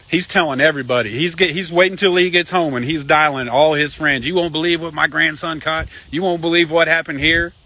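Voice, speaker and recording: A young man telling family stories in a casual, animated, folksy way, with some swearing. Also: a little high. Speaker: storyteller. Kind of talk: casual storytelling.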